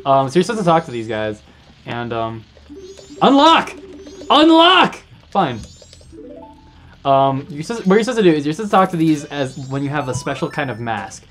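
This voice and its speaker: A man's voice: mid-range voice, expressive, quick pace, faint music behind. A man hosting a let's play, chatting casually as he plays and repeating words while he thinks aloud. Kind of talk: casual gameplay commentary.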